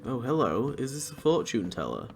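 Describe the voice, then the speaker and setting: A man's voice: mid-range voice, huge pitch swings, moderate pace, creaky, music in the background. A man giving informal let's play commentary, thinking aloud and swearing casually. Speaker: gamer, let's play host.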